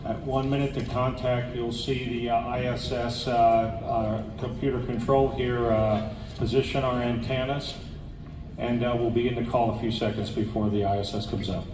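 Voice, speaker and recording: Male radio operator making event announcements, distant and echoey, with loud noise throughout. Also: medium pitch, level tone, normal speed. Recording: noisy echoey room, distant mic.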